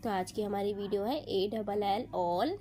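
A woman teaching children phonics, drilling sounds slowly and patiently in call-and-response. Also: mid-range voice, fairly even intonation, warm tone. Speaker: teacher and channel host.

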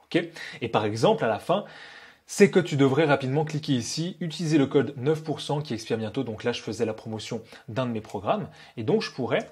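A young man explaining software tools in a screen-share tutorial, talking informally to the viewer with many hesitant fillers. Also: medium pitch, lively intonation, a little fast, husky. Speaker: copywriter teaching software tools.

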